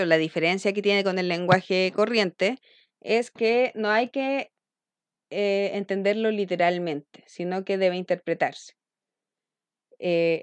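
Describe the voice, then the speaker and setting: A woman's voice: medium pitch, no echo. Woman, young adult, school teacher, step-by-step explaining, dry close sound. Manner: explains step by step, checking in with frequent "¿ya?". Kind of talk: recorded online lesson.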